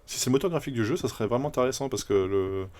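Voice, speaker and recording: A man's voice: mid-range voice, expressive, rapid-fire, a little mellow. A man streaming a video game, chatting casually and rambling with many fillers and restarts. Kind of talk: casual live gameplay commentary.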